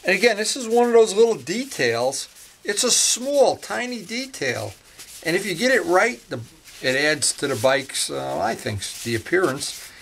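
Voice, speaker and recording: A man's voice: high voice, very animated, moderate pace, creaky, a bit bright, a little hiss or hum. A man chatting casually through a motorcycle DIY project in his garage, rambling with jokey asides. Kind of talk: casual workshop vlog.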